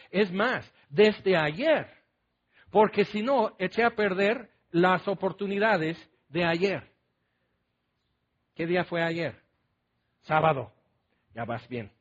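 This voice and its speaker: A man's voice: sits high, expressive, takes it slowly, pauses often, dull audio. A man preaching a sermon in a conversational way, firing rhetorical questions and mock-quoting his listeners' replies.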